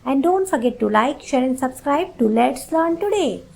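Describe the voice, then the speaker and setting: A woman teaching a beginners' English grammar lesson, repeating words slowly to stress how they sound. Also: high-pitched, expressive, gravelly.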